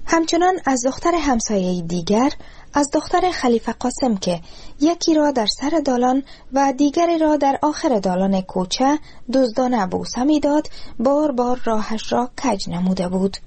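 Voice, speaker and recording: A woman reading a literary short story aloud in a steady, measured way. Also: sits high, husky. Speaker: narrator.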